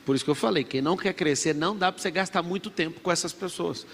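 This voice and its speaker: Gravelly Brazilian man preaching to a crowd. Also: a little high, fast, fairly bright tone. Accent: Brazilian Portuguese. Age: 30s. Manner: emphatic, preachy, has the crowd repeat after him. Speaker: motivational speaker. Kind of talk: motivational talk to a live audience. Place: large event hall. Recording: reverberant event hall with faint background noise.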